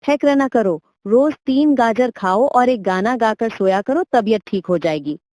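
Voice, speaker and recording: A woman's voice: a little high, animated, unhurried, a little mellow, no echo, studio quality. A woman doing a self-assured donkey doctor. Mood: confident. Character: bossy, silly male donkey doctor giving odd advice.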